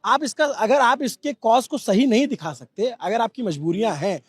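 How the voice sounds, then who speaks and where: A man's voice: extremely high pitch, lively intonation, moderate pace, slightly rough, dry recording. A man working as a journalist at a protest, talking earnestly and lecturing the crowd in a field interview.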